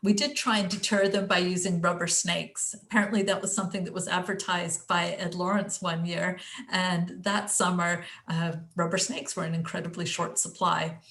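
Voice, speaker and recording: A woman's voice: lowish voice, little pitch movement, moderate pace, a bit bright. English woman, chatty, self-deprecating, video call presentation, fillers. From England. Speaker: guest speaker presenting her garden.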